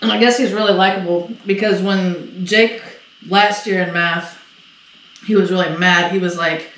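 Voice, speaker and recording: A woman's voice: on the low side, normal speed, distant mic. A middle-aged woman co-hosting a loose podcast chat, spinning stories and putting on voices for the people she quotes, cursing as she goes. Her voice sits back from the mic in an echoey room. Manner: animated storyteller, acts out quotes, swears freely. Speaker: podcast co-host. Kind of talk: casual storytelling chat.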